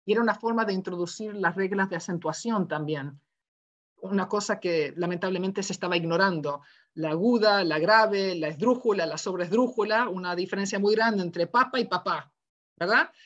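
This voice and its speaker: A woman lecturing to teachers in a relaxed, conversational way, often asking "¿verdad?" and acting out quoted dialogue in her stories. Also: mid-range voice, a little fast, highs cut off. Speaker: university education lecturer. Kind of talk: lecture given online.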